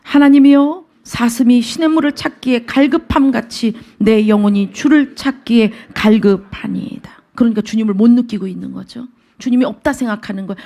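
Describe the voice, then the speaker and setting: Female pastor whispering then declaring. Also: fairly high pitch. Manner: swings between loud emphatic phrases and hushed whispers; reads scripture aloud and explains it. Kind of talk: sermon.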